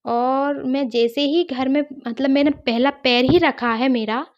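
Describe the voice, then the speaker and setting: A woman's voice: high voice, fairly even intonation, a little slow, highs cut off. A woman earnestly telling a personal story, retelling what others said to her. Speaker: guest sharing a personal testimony.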